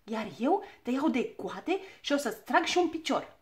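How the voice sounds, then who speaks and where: A woman's voice: high voice, big pitch swings, voice pushed up. A woman voicing quarrelling little girls in a children's storybook reading, hissing and bickering. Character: squabbling little girls, sharp-tongued.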